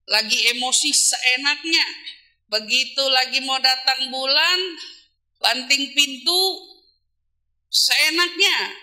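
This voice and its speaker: With a high-pitched, bright and forceful tone, a woman Islamic preacher delivers a relaxed religious talk for women. Rhetorical questions come with her own answers, and she stretches out certain words for emphasis.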